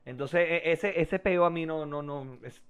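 A man's voice: fairly high pitch, measured pace, clear, resonant tone. A man with a Venezuelan accent, co-hosting a podcast and telling stories in slangy casual chat. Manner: slangy and animated storytelling. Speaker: podcast co-host.

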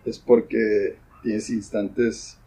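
Young man, Mexican accent, casual chat, laid-back, slangy, dark voice, husky. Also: lowish voice, little pitch movement, drawn-out words, poor audio. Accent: Mexican Spanish.

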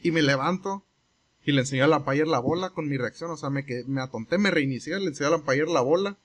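Speaking quickly in a higher-than-average register, a young man with a Mexican Spanish accent tells a lengthy tale during a laid-back chat. He wanders from point to point and performs the back-and-forth dialogue of the characters himself.

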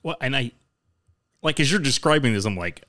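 A man co-hosting a podcast, thoughtful and reflective, speaking in quick bursts. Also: mid-range voice, animated, pushed and bright. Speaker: podcast co-host. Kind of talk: conversational interview.

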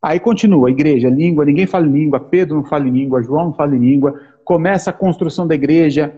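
A man, co-hosting a casual theological discussion, talking in an animated, emphatic way and repeating his points. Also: on the high side, fast, slightly rough, lo-fi sound. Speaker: podcast co-host.

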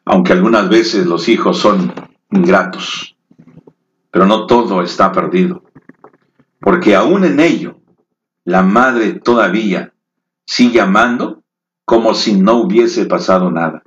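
A man preaching a sermon in slow, emotive storytelling that rises into dramatic peaks. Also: lowish voice. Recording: echoey, dull lo-fi room.

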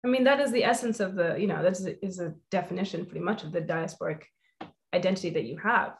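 Fast-talking and gravelly, with a voice on the low side, a young female host leads a reflective interview conversation. She comes across as earnest and thoughtful, her speech full of "you know" and "I think."

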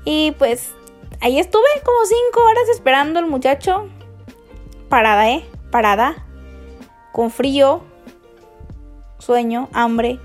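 A woman's voice: high voice, a little mellow. A young woman, telling a story to her listeners in a gushing, bubbly way full of fillers and restarts. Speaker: podcast host.

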